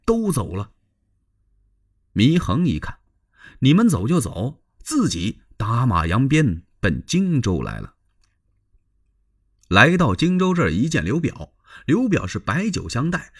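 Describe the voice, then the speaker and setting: A man's voice: medium pitch, husky. A man performing a traditional spoken story in a dramatic, conversational way with asides to the listener.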